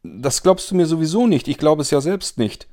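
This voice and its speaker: A man's voice: a little high, very animated, moderate pace, darkish tone, voice pushed up. A man voicing a frightened young woman in a read-aloud story, telling her account in an insistent, breathless way. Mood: agitated.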